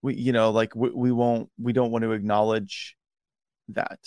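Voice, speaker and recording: A man hosting a casual interview, relaxed and affirming, speaking loosely with fillers. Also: mid-range voice, moderate pace, dry recording. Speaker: host.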